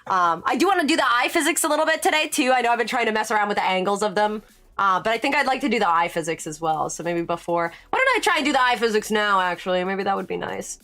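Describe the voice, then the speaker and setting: A woman streaming live in casual chat. She answers chat as she works and jumps to sudden high exclamations. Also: lively intonation, fast talker, pushed and bright. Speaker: VTuber streamer.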